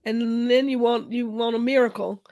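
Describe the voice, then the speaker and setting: A woman hosting a podcast as a doctoral coach, talking casually and enthusiastically in a tired, raspy voice. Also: a little high, fairly even intonation, moderate pace, dry recording. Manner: enthusiastic, warmly encouraging.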